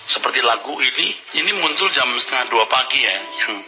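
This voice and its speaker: A man's voice: medium pitch, lively intonation, brisk, over music, poor audio. A male pastor preaching a conversational sermon, acting out little dialogues and dropping casual slang and English phrases.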